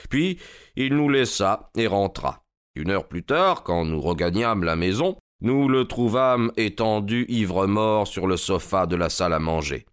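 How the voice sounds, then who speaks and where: A man narrating a classic detective story in a measured, deliberate storytelling manner, close on a studio mic. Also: on the low side, clean tone, dry recording. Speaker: audiobook narrator. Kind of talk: scripted literary narration.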